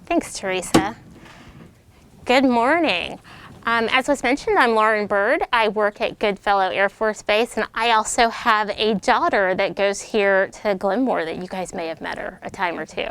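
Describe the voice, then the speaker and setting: A middle-aged American woman who is a military officer reads a children's picture book aloud, animated and lively, giving the characters their own voices. Her voice is medium-pitched, clear and resonant, and she reads at a moderate pace.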